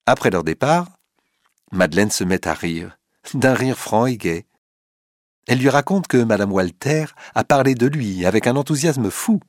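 A man narrating a classic story aloud with an expressive, dramatic reading. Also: medium pitch, dry recording, clean studio sound.

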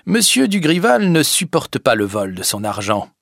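A man narrating a story with a slow, clear, deliberate reading. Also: fairly high pitch, huge pitch swings, fairly bright tone, no room sound, studio quality. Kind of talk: scripted audiobook narration.

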